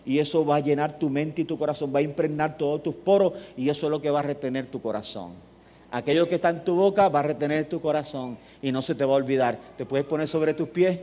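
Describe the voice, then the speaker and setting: A man, a pastor, preaching a sermon in a church, telling stories with animated swings from hushed to loud. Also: fairly high pitch, fast talker. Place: church sanctuary. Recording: long hall reverb.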